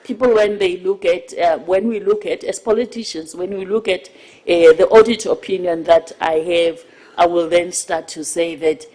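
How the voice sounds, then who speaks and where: A South African member of parliament making formal, unscripted committee remarks in a halting, emphatic way, often repeating words. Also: mid-range voice, steady tone, a little mellow.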